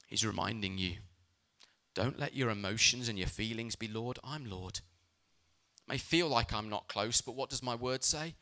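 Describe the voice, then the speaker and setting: A man preaching a sermon as a pastor, speaking with emphasis and telling lively personal stories. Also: fairly low pitch.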